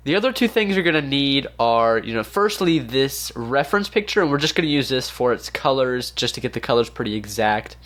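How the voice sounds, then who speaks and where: Sick-sounding man hosting a software tutorial. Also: mid-range voice, big pitch swings, brisk, few pauses. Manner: casual, easygoing with frequent fillers. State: sick, congested voice. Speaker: tutorial host. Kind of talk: screen-recorded software tutorial.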